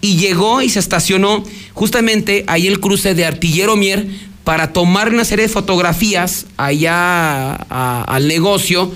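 A man with a Mexican Spanish accent hosts news radio and walks through a court hearing in a rambling, chatty style, restarting frequently and acting out what people said. He talks at normal speed in a high-pitched, somewhat bright voice.

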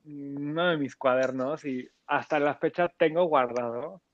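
A young man with a Mexican accent tells stories in a gushing, animated way. His voice sits a touch high for a man. The sound is dry and slightly dull. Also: measured pace, no room sound. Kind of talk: casual chat.

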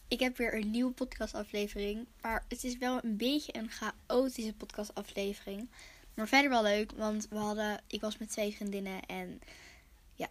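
A young teenage girl hosting a podcast in a casual, chatty way. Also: medium pitch. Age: child or young teen. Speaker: podcast host.

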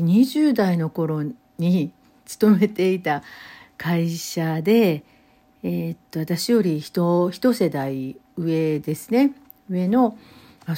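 A middle-aged woman with a Kansai accent, chatting gently and then reading a short story aloud slowly. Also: on the low side. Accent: Kansai Japanese. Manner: gentle, chatty, many fillers; slows down to read. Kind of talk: casual chat, then unhurried literary reading aloud.

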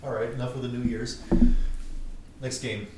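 A man's voice: mid-range voice, level tone, moderate pace, very noisy. A young man co-hosting a podcast, talking sports in a laid-back way with casual swearing. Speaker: podcast co-host. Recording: echoey room from far off.

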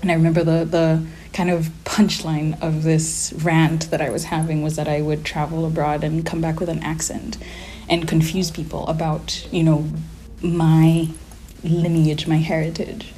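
Interviewee: woman, thirties, from Kenya, American-sounding with faint Kenyan colouring, mellow tone, casual and reflective delivery, light room noise. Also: low voice, completely flat delivery, moderate pace. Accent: American-sounding with a slight Kenyan trace. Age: 30s.

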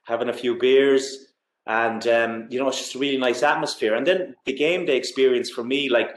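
A man's voice: medium pitch, normal speed. Echoey west of Ireland man chatting sport. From Galway, west of Ireland. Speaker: interview guest. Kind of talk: casual sports chat. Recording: roomy, echoey sound.

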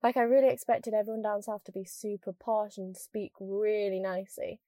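A woman's voice: medium pitch, steady tone, normal speed, warm tone, no room sound, studio quality. A young woman from Scunthorpe with a northern English accent, chatting casually to camera in a jokey, self-deprecating way. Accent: northern English, Lincolnshire. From Scunthorpe, northern England.

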